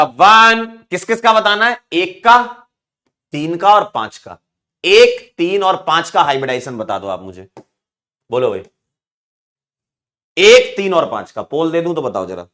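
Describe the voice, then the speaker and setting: A man's voice: on the high side, sing-song, unhurried, pauses often, sharp tone. A man from India teaching chemistry in a live online class, playful and teasing, counting aloud as he explains.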